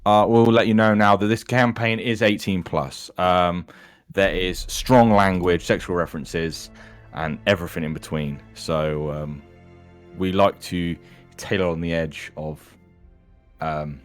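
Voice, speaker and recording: A man's voice: deep voice, steady tone, measured pace, soft background music. A man hosting a tabletop role-playing session as dungeon master, introducing the players in a chatty, laid-back way. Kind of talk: casual tabletop game introduction.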